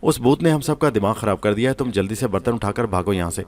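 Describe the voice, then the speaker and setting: A man voicing a young wife who calmly covers up a secret. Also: fairly low pitch, natural voice. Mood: evasive.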